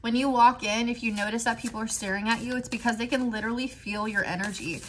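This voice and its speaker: A woman's voice: fairly high pitch, steady tone, quick pace, a little hiss or hum. A young woman giving a casual tarot card reading indoors, rambling and chatty and filling her talk with "like". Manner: rambling, heavy with "like" fillers, chatty. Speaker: tarot reader. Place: indoors at a desk, in a squeaky chair.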